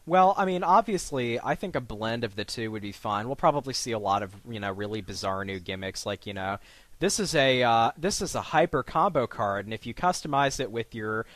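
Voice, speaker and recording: A man's voice: mid-range voice, lively intonation, brisk, fairly bright tone, no echo. A man hosting a casual podcast chat, rambling and restarting his sentences, often breaking into laughter. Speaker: podcast host.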